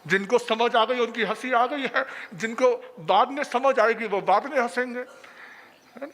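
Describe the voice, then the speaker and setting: Man, Jain monk, storytelling sermon, animated and playful, bright tense tone. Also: extremely high pitch, measured pace. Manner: animated, playful, acts out voices.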